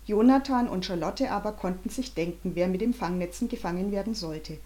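A woman narrating a children's story aloud, with an animated, dramatic reading. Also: mid-range voice, fairly quick. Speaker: audiobook reader.

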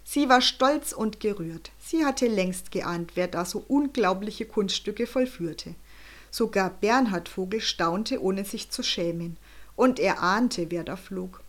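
A woman narrating a children's story with a lively, expressive reading. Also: medium pitch, takes it slowly.

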